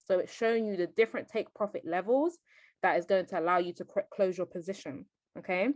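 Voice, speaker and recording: Over a screen recording, a woman narrates a trading tutorial step by step, constantly checking in with the viewer by asking "okay?". She talks fast in a lowish voice, with no echo.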